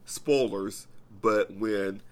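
A man co-hosting a podcast in casual chat, excitable, swearing freely. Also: on the low side, extremely slow. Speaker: podcast co-host.

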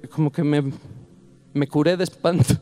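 A man's voice: a little high, fairly even intonation, moderate pace, dark tone. A man preaching a sermon. He tells a personal story and builds to fervent exhortation.

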